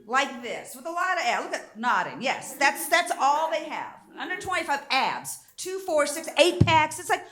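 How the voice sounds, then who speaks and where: An older woman doing a bawdy stand-up comedy set on a theater stage, brash with loud squealing outbursts. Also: high voice, very animated, normal speed, hardly any pauses. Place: theater stage before a live audience.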